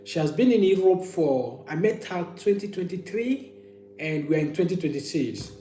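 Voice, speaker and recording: Very animated and mellow, with a voice on the high side and a moderate pace, this man hosts a casual livestream in an echoey, faintly humming room. He talks about his own experiences and opinions, restating phrases again and again for emphasis.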